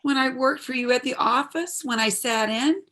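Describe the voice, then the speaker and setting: Her voice is high-pitched and a bit bright, moving at a moderate pace. This woman performs stage play dialogue as a troubled, earnest medical student of 26, the daughter in the drama, pleading with heartfelt emotion.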